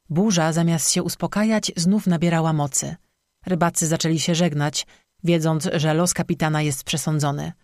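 An audiobook narrator reading a legend in a steady, measured scripted narration. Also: mid-range voice, no room sound, clean studio sound.

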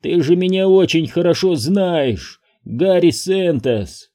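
A man voicing an eerie male spirit speaking through a small child, in a distorted, mechanical falsetto, slow and insistent, for an audiobook. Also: expressive, mellow. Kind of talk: audiobook reading.

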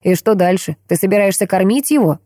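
A woman's voice: mid-range voice, expressive, brisk, dark tone, no echo, clean studio sound, lightly acted. A woman voicing a middle-aged doctor, a strict and agitated father who speaks sharply and sternly. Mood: angry.

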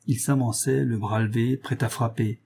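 A man narrating a classic novel as an audiobook in a measured, dramatic way. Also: mid-range voice, steady tone, dark tone, breathy edge. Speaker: audiobook reader.

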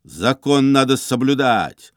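A man reading an audiobook, voicing a stern, smooth-talking con man who speaks firmly and loudly. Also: mid-range voice, lively intonation, slow pace, no echo, clean studio sound. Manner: firm, loud, commanding delivery. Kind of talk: audiobook character voice.

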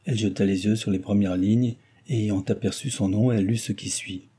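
A man reading a classic novel aloud as audiobook narration, in a measured literary way. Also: fairly low pitch, fairly even intonation, warm tone, breathy edge.

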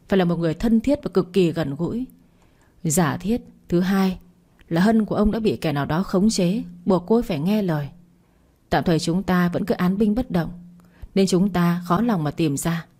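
A level-headed man calmly working through the case in a told story, as a woman reads him. the tone is low and mellow, measured and even. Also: close to an everyday voice. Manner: measured, reasoning. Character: calm, shrewd male friend.

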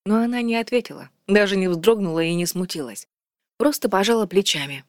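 A woman reading a novel aloud in a calm, even narration. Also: mid-range voice, brisk, dry recording, clean studio sound. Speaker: audiobook narrator. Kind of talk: scripted narration.

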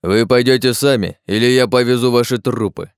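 A man's voice: mid-range voice, lively intonation, brisk, clean tone, dry recording, pitched above the performer's own voice, lightly acted. Man playing a hostile town guard, barking threats, tight dry recording. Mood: menacing. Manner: loud and threatening. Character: gruff male city guard sergeant, hostile.

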